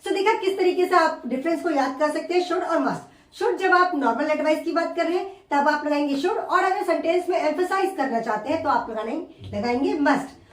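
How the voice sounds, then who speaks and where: A woman teaching an English grammar lesson, explaining slowly and repeating each example word by word. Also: high-pitched. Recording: echoey room, far from the mic.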